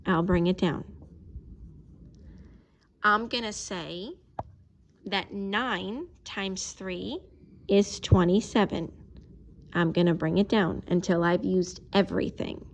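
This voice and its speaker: A woman's voice: lowish voice, fairly even intonation, slow pace, pauses often, a little hiss or hum. A woman teacher recording a math video lesson, talking patiently and explaining each step while she writes.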